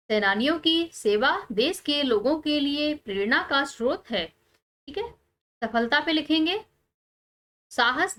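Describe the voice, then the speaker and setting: A woman teacher, calmly explaining textbook answers step by step and pausing on key words. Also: high-pitched.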